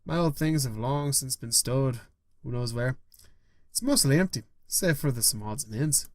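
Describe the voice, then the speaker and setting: A man reading a story game's text aloud, expressive, with quick asides to viewers. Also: medium pitch, no echo. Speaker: gaming YouTuber.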